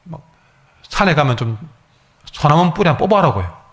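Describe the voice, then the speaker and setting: A man's voice: a little high, sing-song, a little fast. A male pastor preaching a sermon emphatically, acting out his congregation's words.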